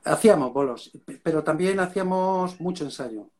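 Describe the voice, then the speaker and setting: A man, a rock singer with a Spain Spanish accent, talks in a loose, slangy, storytelling way during a relaxed interview. His voice sits a little high. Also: normal speed. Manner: casual storytelling, slangy, keeps saying "mate". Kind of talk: casual interview chat.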